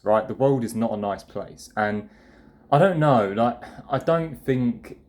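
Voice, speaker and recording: A man's voice: fairly low pitch, darkish tone. A young man ranting to camera in a blunt, profane, rambling way, restarting his sentences often. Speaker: vlogger. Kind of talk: casual ranting monologue.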